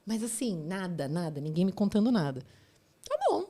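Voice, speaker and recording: A woman's voice: lowish voice, moderate pace. A woman in her forties, a podcast guest, telling her own story in casual chat and acting out what others said. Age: 40s. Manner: animated, acts out quoted voices.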